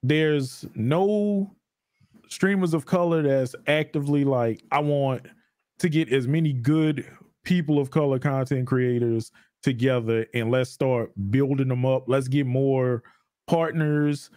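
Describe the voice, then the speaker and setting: A man's voice: mid-range voice, a little slow, no room sound, studio quality. A man in casual podcast chat, talking animatedly and acting out quotes with laughs. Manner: animated, acts out quoted voices, laughs often. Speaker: podcast guest, streamer.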